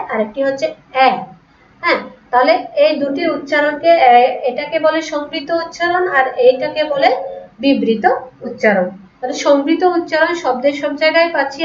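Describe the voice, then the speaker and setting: A woman teaching an online class, explaining slowly, repeating example words and asking her students rhetorical questions. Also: high-pitched, a little hiss or hum. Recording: echoey room, distant lo-fi mic.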